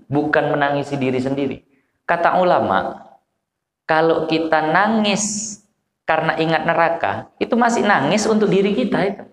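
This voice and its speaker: A man with a Medan Malay accent preaches in a loose, storytelling way at a village study gathering. His delivery is animated, and he drops into low voices as he acts out the people in his stories. His voice rings through an echoey hall with a long tail of reverb. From Medan, Indonesia. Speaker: Islamic preacher. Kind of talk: informal religious lecture.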